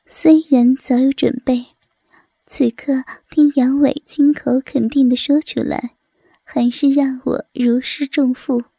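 A woman narrating a story in a soft, breathy whisper. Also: high voice, steady tone, slow pace, dry recording.

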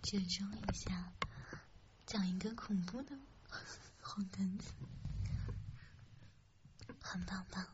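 A woman's voice: mid-range voice, fairly even intonation, takes it slowly, long pauses, lo-fi sound, noisy background. A young woman hosting a late-night live stream, whispering close to the mic, teasing and chatting with listeners. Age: young adult. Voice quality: soft whispering. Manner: teasing, playful, reads comments. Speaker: radio streamer host.

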